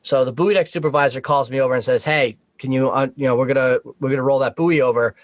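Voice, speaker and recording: Talking fast in a steady, mid-range voice, a Coast Guard veteran from America swaps jokey, profane anecdotes as a podcast guest. The recording has no room sound.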